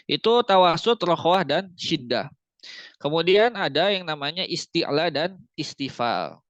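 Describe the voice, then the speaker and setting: A man's voice: a little high, expressive, unhurried, fairly bright tone, no room sound. A man teaching Quran recitation in an online tajwid lesson, who explains patiently, repeats key points and models letter sounds. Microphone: video call. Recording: dry, muffled video-call audio.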